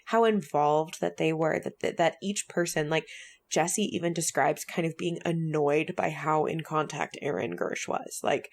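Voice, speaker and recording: Podcast co-host, woman, low gravelly voice, chatty storyteller. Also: moderate pace. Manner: chatty, filler-heavy, animated retelling. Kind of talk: casual storytelling chat.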